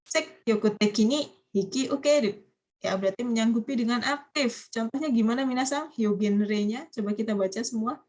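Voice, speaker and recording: A woman's voice: on the high side, brisk, a little mellow. A woman teaching a university Japanese class online, prompting students to finish each phrase. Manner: coaxing students to complete phrases. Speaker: Japanese language lecturer.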